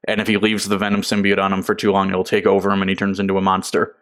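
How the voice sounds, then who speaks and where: A man co-hosting a laid-back gaming podcast. His voice sits a little low, and his talk is loose and chatty, broken up by frequent laughter. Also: completely flat delivery, racing, clear, resonant tone. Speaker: podcast co-host. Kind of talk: casual podcast chat.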